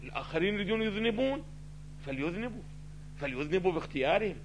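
A man teaching a theology lesson, asking his listeners questions and answering them himself, swinging between loud stressed phrases and quiet asides. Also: high voice, expressive, quick pace, slight background noise. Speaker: religious teacher. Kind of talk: theology lecture mixing classical and colloquial Arabic.

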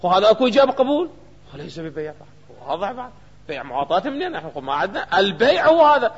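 A man's voice: high-pitched, sing-song, very fast, fairly bright tone, husky. A man with an Iraqi Arabic accent teaching jurisprudence in a seminary lecture, constantly throwing questions at his students and answering them himself. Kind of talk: seminary lecture on a legal text. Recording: reverberant hall, dull lo-fi sound.

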